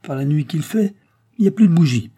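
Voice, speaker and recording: A man's voice: on the high side, lively intonation, normal speed, mellow, pitched above the performer's own voice. A man doing a sly folksy cutthroat. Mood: urgent. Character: cunning male cutthroat posing as a humble fruit seller.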